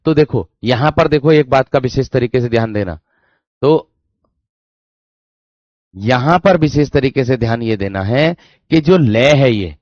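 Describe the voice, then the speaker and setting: This slightly mellow, medium-pitched man speaks unhurriedly with lively intonation and long pauses while teaching Hindi grammar online. He keeps saying "dear friends," repeats phrases, and sounds out syllables repeatedly. The recording is dry, dull and lo-fi.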